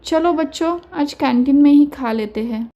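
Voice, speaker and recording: A woman's voice: high-pitched, moderate pace, mellow. A woman voicing a grown son who talks in an impatient, dismissive, complaining way. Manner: curt, complaining.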